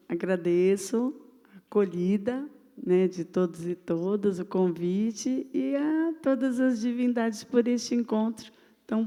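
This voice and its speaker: A woman on a panel speaking gently, with many small fillers. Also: medium pitch. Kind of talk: panel talk. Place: cultural center event hall. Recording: reverberant hall.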